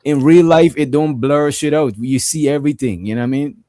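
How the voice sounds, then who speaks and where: A man's voice: fairly high pitch, fairly even intonation, brisk, dark tone, dry recording, clean studio sound. A man and pastor co-hosting a casual podcast chat, talking bluntly in loose slang, full of profanity and "you know what I mean".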